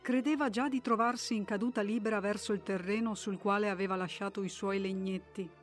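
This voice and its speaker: A woman narrating a short story in a calm, measured way, with dramatic pacing. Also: medium pitch, soft background music.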